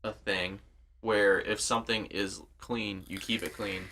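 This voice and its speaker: A man's voice: fairly low pitch, flat delivery, measured pace, vocal fry, pushed and bright, slight background noise. Rambling laid-back young man. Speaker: podcast host. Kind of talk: casual chat.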